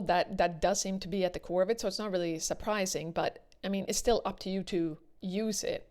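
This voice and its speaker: A woman's voice: medium pitch, darkish tone. A woman talking casually to viewers as a video commentator, earnest and emphatic, repeating words for stress.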